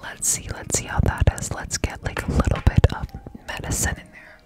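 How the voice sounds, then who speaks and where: A woman speaks in a soft, breathy whisper as she performs an ear cleaning ASMR whispered role-play. She is chatty and affectionate, dropping informal asides to her live viewers and often repeating short phrases. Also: moderate pace. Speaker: ASMR live streamer and host.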